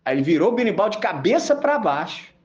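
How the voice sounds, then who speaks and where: A fairly high-voiced man preaches, his pitch leaping around as he tells funny stories full of slang. The recording sounds dull and lo-fi. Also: quick pace. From Brazil. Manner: animated storytelling, slangy and laughing. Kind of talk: sermon with anecdotes.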